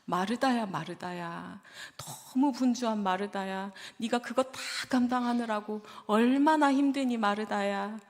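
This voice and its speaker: Brief: tender Jesus figure, soft and soothing, played by a woman preacher, mid pitch, long church reverb. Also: unhurried, few pauses, close to an everyday voice. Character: tender compassionate adult man, Jesus consoling.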